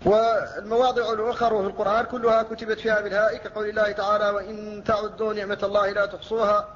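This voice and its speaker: A man gives a classical lecture on Quran recitation, explaining point by point and quoting verses. His voice sits high and stays flat and even. The recording is dull and lo-fi, with a long reverberant tail. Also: rapid-fire, slight background noise. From Mauritania. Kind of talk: classical Arabic lecture on tajweed.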